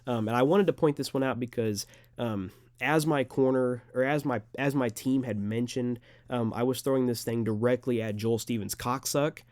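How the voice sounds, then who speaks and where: A man's voice: mid-range voice, moderate pace, darkish tone, no echo, clean studio sound. A young man, an amateur fighter, talking straight to camera in an unedited, rambling monologue full of filler words. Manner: rambling, earnest, filler-heavy.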